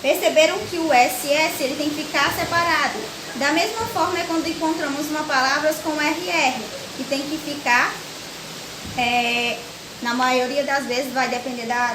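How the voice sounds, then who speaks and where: Patient Brazilian teacher, echoey room. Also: female voice, high-pitched. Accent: Brazilian Portuguese. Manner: slow, patient, spells syllables out one by one. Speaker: primary school teacher. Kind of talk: recorded remote grammar lesson for children. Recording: echoey room with faint hiss.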